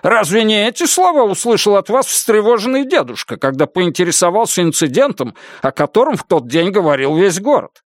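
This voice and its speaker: A man voicing a pushy male lawyer who presses with sharp, needling questions. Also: high-pitched, big pitch swings, a little fast, few pauses, no room sound, studio quality, voice pushed up.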